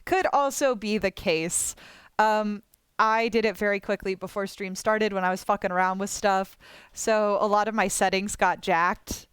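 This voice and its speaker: A woman streamer with a mid-range, somewhat bright and smooth voice talks at a moderate pace, with no room sound. She rambles casually while drawing viewer requests, laughing often and swearing offhandedly.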